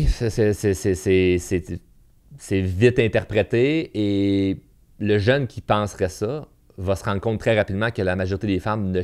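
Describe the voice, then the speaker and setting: Animated Québécois man telling stories. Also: deep voice. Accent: Quebec French. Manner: animated storyteller with many fillers and repeats. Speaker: podcast host. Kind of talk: casual podcast talk with anecdotes.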